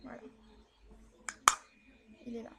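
A woman's voice: takes it slowly, very noisy. A young woman chatting casually as a vlogger reviewing her makeup purchases, filling her talk with hesitations. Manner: chatty, many fillers and "voilà". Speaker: beauty vlogger.

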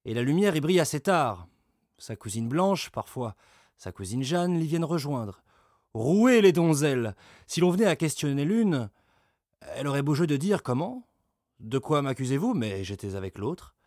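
A man's voice: on the high side, very animated, normal speed, no room sound, studio quality. Man voicing a raging, blustering medieval lord. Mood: scheming. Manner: loud, coarse and vehement. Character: brawny furious medieval male lord, blustering.

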